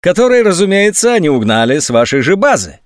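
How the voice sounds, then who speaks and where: Male reader doing a mocking general, high and lively, dry close mic. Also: a little fast, dry recording. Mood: sarcastic. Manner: mocking, sneering, sometimes shrill. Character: sarcastic, scornful male army general on phone.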